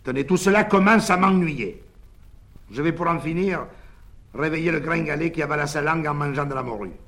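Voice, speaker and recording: A man's voice: a little high, a little fast, fairly bright tone. A man voicing a jovial, theatrical village doctor who banters with townsfolk.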